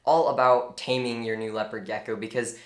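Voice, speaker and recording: A young man giving an informal, earnest tutorial on reptile care, with strong opinions and lively emphasis. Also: medium pitch, a little fast. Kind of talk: informal instructional talk. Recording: echoey room.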